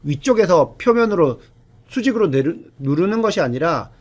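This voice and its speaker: A male university professor gives a recorded lecture, explaining step by step, often beginning with "자", and asking the class rhetorical questions. His fairly high voice is animated and moves at a normal speed.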